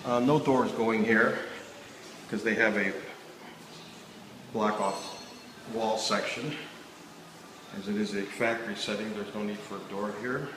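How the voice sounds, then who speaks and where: A man's voice: lowish voice, fairly even intonation, measured pace, long pauses, background noise. A man with a Chicago accent, a remodeling contractor walking through a factory bathroom job and explaining the work in a plain, matter-of-fact way with many fillers, filmed on a handheld phone. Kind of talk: casual walkthrough narration. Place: large unfinished factory bathroom. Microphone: handheld phone camera. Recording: echoey empty room.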